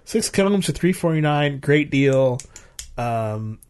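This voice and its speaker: A man's voice: on the high side, expressive, takes it slowly, a little mellow, clean tone. A man co-hosting a show, giving his opinions in casual chat and repeating phrases for emphasis. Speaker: podcast co-host.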